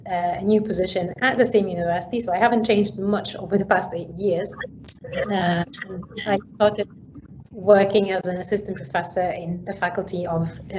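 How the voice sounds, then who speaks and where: Woman, 30s, from Egypt, guest lecturer on a webinar, easygoing delivery, muffled call audio. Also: mid-range voice. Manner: relaxed, with frequent fillers. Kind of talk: online academic seminar. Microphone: video call. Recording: slightly dull online call audio with faint noise.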